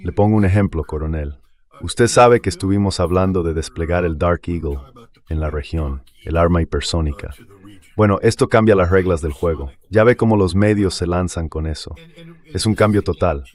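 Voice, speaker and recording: This man provides a translated voice-over for an interview guest, reading dubbed political and military commentary in short, declarative sentences. He sounds emphatic and explanatory, his low voice slightly mellow and moderately paced.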